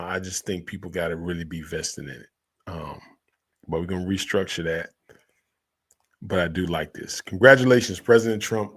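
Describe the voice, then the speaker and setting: A man talking casually as a crypto host, in a hyped, slangy, emphatic crypto bro manner, with a husky, gravelly voice. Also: low-pitched. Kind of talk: casual solo crypto commentary.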